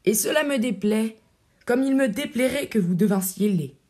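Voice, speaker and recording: A woman's voice: fairly high pitch, lively intonation, moderate pace, darkish tone, pitched above the performer's own voice. A woman reading the part of a witty, demanding young noblewoman who teases and scolds her suitor. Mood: teasing. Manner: teasing and disdainful.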